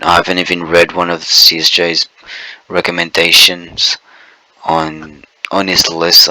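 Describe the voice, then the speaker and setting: A man talking to camera in a rambling monologue, restarting phrases and stuttering as he rushes ahead. His voice is very bright and edgy, with a low pitch. The sound is dry and close. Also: no echo, poor audio. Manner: fast, stumbling, stuttering restarts. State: sleep-deprived. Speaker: video blogger. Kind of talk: casual spoken monologue.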